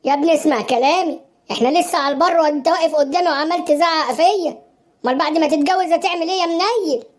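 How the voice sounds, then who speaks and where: A dramatic, overbearing cartoon mother in an Egyptian Arabic accent, voiced by a woman. Her voice is fairly high. She nags and guilt-trips. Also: rapid-fire, lightly acted. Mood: scolding. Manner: melodramatic, nagging. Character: overbearing middle-aged mother, dramatic and tearful.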